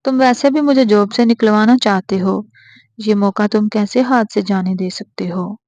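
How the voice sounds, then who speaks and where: A woman's voice: medium pitch, a little mellow, dry recording, muffled recording, lightly acted. A woman reading the part of a feverish young wife who answers back in a defiant, sulky way.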